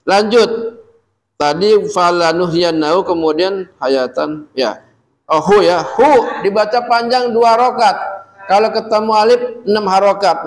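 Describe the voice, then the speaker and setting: Chanting verses slowly and patiently questioning his students, a high-voiced man teaches Quran recitation rules to a class of women. The recording is of poor quality.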